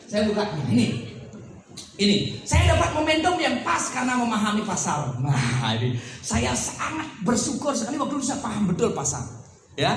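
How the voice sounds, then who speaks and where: A man from Bali, a lecturer and campus owner, giving a seminar talk to business owners, telling stories with lively acted-out dialogue and jokes. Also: very high-pitched. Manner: animated storytelling, acts out dialogue, jokes with the audience. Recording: echoey hall, speaker far from the mic, faint noise.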